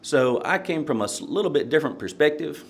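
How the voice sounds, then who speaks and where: A man's voice: a little high, expressive, brisk. An older man from Nashville, a guest on a podcast, talks casually and rambles through stories with many fillers and short chuckles. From Nashville, Tennessee. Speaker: podcast guest, court candidate. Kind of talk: casual interview, storytelling.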